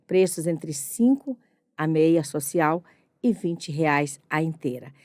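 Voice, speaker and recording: Warm low-voiced woman host. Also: animated, slow pace, dry recording, studio quality. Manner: warm, enthusiastic and affectionate. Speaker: podcast host. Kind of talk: casual interview.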